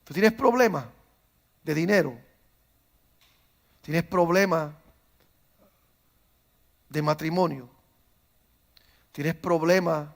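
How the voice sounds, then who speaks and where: In a church, a pastor with a high, ringing voice delivers a sermon to his congregation. He tells stories, acting out the voices of their characters, and shifts from calm delivery into loud, fervent preaching.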